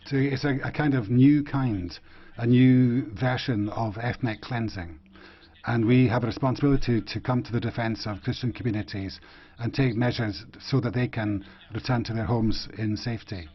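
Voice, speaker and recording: A man giving a simultaneous interpretation of parliament speeches, in a measured, halting delivery with frequent pauses. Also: medium pitch, steady tone, husky. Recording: muffled broadcast audio feed.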